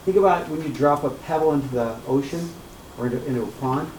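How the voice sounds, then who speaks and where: Speaking fast, a math teacher with a fairly high voice energetically lectures a classroom, alternating loud emphasis with quiet asides. He repeats key points and keeps asking "okay?" and "right?" to see if students are following, over faint room noise.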